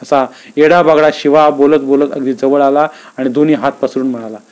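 A man reading a story aloud in a calm, measured, descriptive way. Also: mid-range voice, soft background music.

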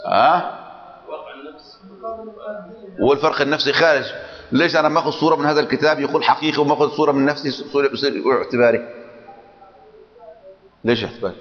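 A man's voice: mid-range voice, steady tone, fast talker, pauses often, a bit bright. A man teaching a logic class who keeps questioning his students and checking that they follow. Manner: questions students, repeats "clear or not?". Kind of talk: classroom lecture. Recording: muffled recording in a long-reverb hall.

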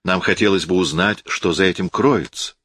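A man's voice: low voice, moderate pace, a bit bright, slightly rough, no echo. A man voicing a fussy, nosy elderly spinster aunt for an audiobook, with a raised, fretful tone. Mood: prying. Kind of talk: audiobook character voice.

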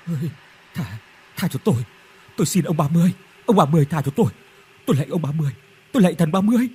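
A man's voice: fairly high pitch, lively intonation, very fast, dark tone, breathy edge. A man voicing a terrified old man who stammers out pleas for mercy. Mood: terrified begging.

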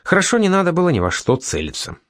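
A man's voice: high voice, wildly swooping pitch, quick pace, fairly bright tone, no room sound. A man reading a first-person story as narrator, in a dry, wry tone. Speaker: audiobook narrator.

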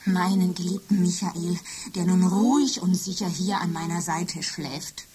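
A woman playing a lovesick, jealous female office computer in a radio drama, speaking softly and often in a whisper. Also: mid-range voice, measured pace, a little hiss or hum, natural voice. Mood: obsessive, tender. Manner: soft, intimate, often whispering. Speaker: computer character.

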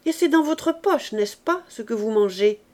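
A woman voicing a stout, imperious bourgeois mother who scolds and accuses her maid in loud, raised outbursts, in an audiobook reading of a novel. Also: on the high side, animated, fairly quick. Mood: scolding.

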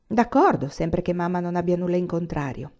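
A woman reading the part of an eager, lively teenage girl in a storybook. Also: fairly low pitch, a little fast, muffled recording, close to an everyday voice.

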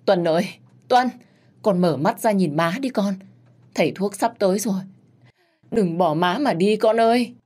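A woman voicing a distraught older mother who wails, pleads and scolds in a high, loud voice. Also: lively intonation, fast talker, slightly rough. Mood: wailing. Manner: frantic, scolding, sobbing pleas.

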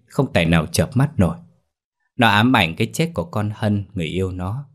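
A man narrating a scripted ghost story in a steady storytelling delivery. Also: deep voice. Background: faint music.

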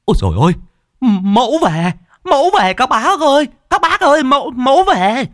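A man's voice: high-pitched, very animated, measured pace, a bit bright, dry recording, studio quality, pitched above the performer's own voice, heavily acted. A man voicing a frantic male disciple at a spirit-medium shrine, wailing and pleading. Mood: panicked.

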